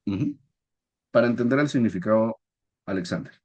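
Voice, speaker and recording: A man's voice: on the low side, a little fast, a little mellow, husky, highs cut off. A man teaching a spelling lesson, explaining patiently and asking his class questions.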